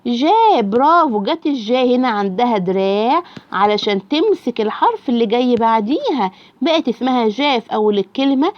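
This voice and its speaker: A young woman with an Egyptian accent teaching Arabic reading, drawing out letter sounds slowly and praising the child. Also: on the high side, animated, dry recording, highs cut off. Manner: slow, drawn-out letter sounds when modeling.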